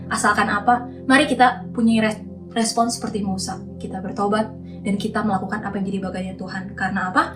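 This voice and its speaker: A young woman preaches to a youth crowd in a bright, high voice, acting out little quoted lines. She sounds a bit far from the mic in an echoey room. Soft music plays underneath. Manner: lively, mixes in English phrases, acts out quotes. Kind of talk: youth sermon.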